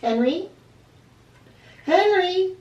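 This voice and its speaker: Older woman as a bossy, high-pitched little girl mouse. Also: wildly swooping pitch, unhurried, muffled recording. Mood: worried calling. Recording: roomy, distant mic, faint background noise.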